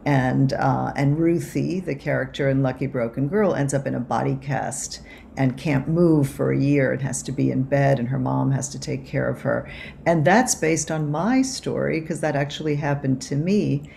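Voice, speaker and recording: A woman from Cuba, an author and anthropologist, answering interview questions over a video call in a reflective way with many pauses and restarts. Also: a bass voice, creaky, warm tone, slight background noise. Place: home office.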